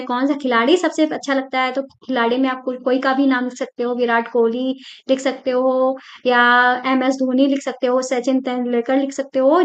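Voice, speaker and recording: A young woman with a high voice teaches a school lesson, going through the textbook step by step. She explains patiently and repeats her points, with frequent "theek hai" checks. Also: a bit bright.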